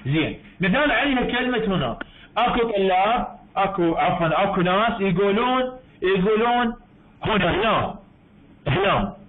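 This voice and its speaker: A high-voiced man with an Iraqi Arabic accent gives a university English lecture over a tinny online call. He explains things slowly, repeating himself and correcting his own words as he goes. The sound is thin and narrow, like a phone line. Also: lively intonation.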